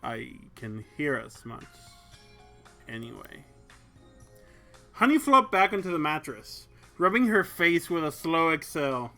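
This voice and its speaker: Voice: medium pitch, big pitch swings, measured pace, pauses often, sharp tone, soft background music. A Twitch streamer casually reading a visual novel aloud, swearing and laughing between lines. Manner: crude and swearing, laughs often; reads narration aloud, breaks off to joke.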